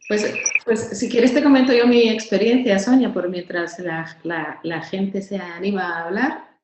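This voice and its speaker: A woman's voice: mid-range voice, fairly even intonation, a little slow, darkish tone, roomy sound, low-quality recording. A woman from Honduras, moderating an online webinar in a chatty way, with many fillers and repeated words.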